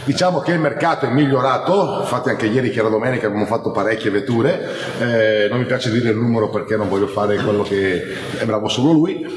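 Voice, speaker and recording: A middle-aged man giving an informal, talkative infomercial sales pitch as a car salesman, repeating points for emphasis. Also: quick pace. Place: large indoor car showroom. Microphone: phone camera a few steps away. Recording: echoey hall, background noise.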